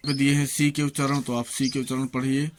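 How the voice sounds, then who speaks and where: धीमे-धीमे शब्द गिनाता पुरुष शिक्षक. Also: male voice, mid-range voice, little pitch movement, slight background noise. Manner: slow, listing words one by one; encouraging address to viewers. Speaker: English teacher. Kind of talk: reading out a pronunciation lesson.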